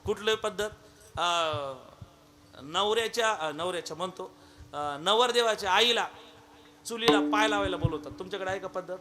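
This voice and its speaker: Delivering a kirtan sermon, this man relates a funny story in an animated way, addressing listeners by name. He speaks at normal speed with a high voice.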